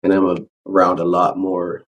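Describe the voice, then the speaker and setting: Male podcast host, husky tone, casual and rambling with false starts. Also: sits low, monotone, moderate pace, a bit bright, rough recording. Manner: chatty, hesitant, with restarts and apologies. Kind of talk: casual interview.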